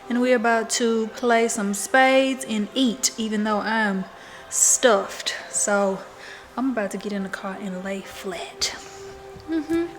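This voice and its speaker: Chatty young woman vlogging. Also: fairly high pitch. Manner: chatty and expressive; calm, reflective sponsor read. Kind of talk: casual vlog talk.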